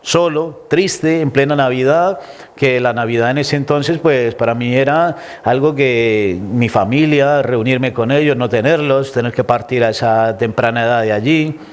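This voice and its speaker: In a clean, mid-range voice at moderate speed, a man from Colombia tells his personal testimony during an interview. He speaks with a Colombian Spanish accent, emotional and reflective, with many restarts.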